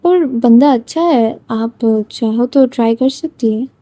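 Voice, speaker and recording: A woman's voice: fairly high pitch, unhurried, mellow, no echo, close to an everyday voice. A woman voicing a cheeky young female student who teases her teacher in a playful way. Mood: teasing. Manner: playful, teasing.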